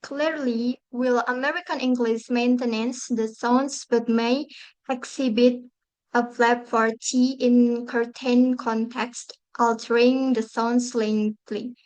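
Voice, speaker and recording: A woman's voice: on the high side, fairly even intonation, slow pace, a little mellow, low-quality recording. A woman student presenting a class talk, reading carefully from notes and restarting words.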